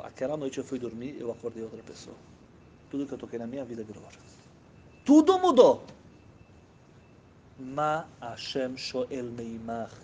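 Man, sermon storyteller, lively, slightly high voice, light noise behind. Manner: animated, acts out characters' voices. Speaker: rabbi telling stories.

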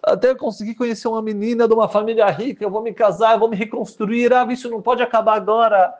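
A man voicing a desperate young bridegroom who begs a rabbi not to expose him, in a high pleading tone. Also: fairly even intonation, fast talker, dull audio, natural voice. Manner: whining, begging.

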